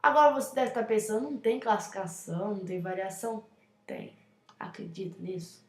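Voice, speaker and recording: Speaking briskly at a medium pitch, a young woman with a Brazilian Portuguese accent teaches grammar casually, as in a classroom. She addresses viewers with frequent check-ins; the echoey recording carries slight background noise.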